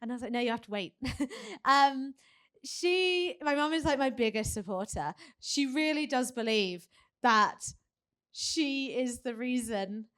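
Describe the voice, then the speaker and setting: A woman's voice: high voice, lively intonation, slow, fairly bright tone, smooth. A young woman, a marathon runner, chatting and laughing often with many fillers in a live podcast interview. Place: live event hub.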